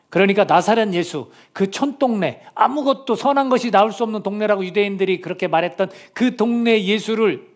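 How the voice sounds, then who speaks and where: A middle-aged man preaching a sermon as pastor, earnest, swinging between loud pleas and hushed near-whispers. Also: high-pitched. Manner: acts out quoted voices of people and prayers.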